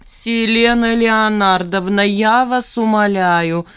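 Woman reading as an excitable squeamish man, loud, exclaiming. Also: a little high, normal speed, voice pushed up, close to an everyday voice.

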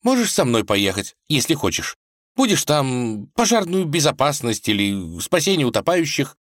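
A man's voice: big pitch swings, moderate pace, fairly bright tone, no room sound, clean studio sound. Man doing a tearful young tsarevna. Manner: high, sniffling, pleading.

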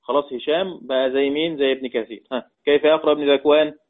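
A man's voice: fairly high pitch, steady tone. Egyptian man teaching Quran readings, tinny sound. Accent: Egyptian Arabic. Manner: quizzes students, then chants each reading slowly. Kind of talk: classroom lesson on Quran readings. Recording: tinny phone-like recording.

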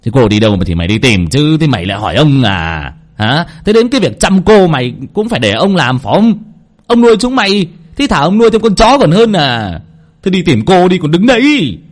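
A man's voice: on the high side, big pitch swings, fairly quick, voice pushed up. A man voicing an irritable older household master who scolds a servant in a spoken ghost story. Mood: angry scolding. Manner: scolding, barking.

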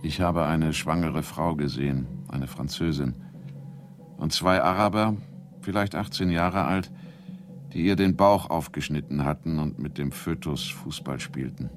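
A man reading a witness's testimony as a voice-over in a flat, grave delivery. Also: extremely low pitch, unhurried, soft background music. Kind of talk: scripted voice-over.

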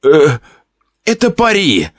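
A man voicing a nervous, breathless nobleman in a horror audiobook, speaking in hurried, panting bursts. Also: on the high side, huge pitch swings, no room sound, clean studio sound, voice pushed up, full character voice.

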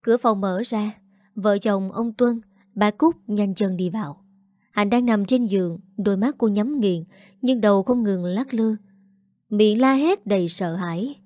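A woman narrating a scripted audio story in a calm, steady manner. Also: mid-range voice, a little slow, no room sound, studio quality.

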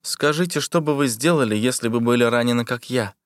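A man's voice: medium pitch, a little fast, no echo, studio quality, lightly acted. A man reading the part of a wounded captain who speaks with curt, bitter sarcasm. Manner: sardonic, curt.

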